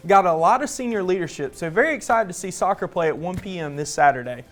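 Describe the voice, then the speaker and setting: A man's voice: high voice, expressive, quick pace, fairly bright tone. Chatty young male sports anchor. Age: young adult. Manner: chatty, upbeat, casual fillers. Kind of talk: student newscast sports chat.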